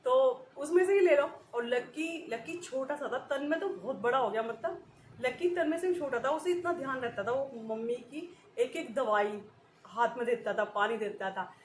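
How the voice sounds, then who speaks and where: A chatty woman in her thirties tells a rambling story to her viewers, her voice sitting a little high and breaking into giggles often. She sounds like she is in an echoey room, with a faint hum of ambient noise behind her. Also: moderate pace. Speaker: vlogger. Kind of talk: casual chat to viewers.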